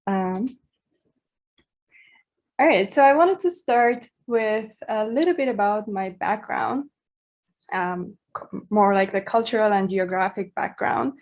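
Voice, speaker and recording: A woman's voice: mid-range voice, slow pace, long pauses. Woman, 30s, giving a talk, lots of ums, laughs a bit. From Iran. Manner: hesitant, many fillers, light laughs. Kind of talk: presentation to students.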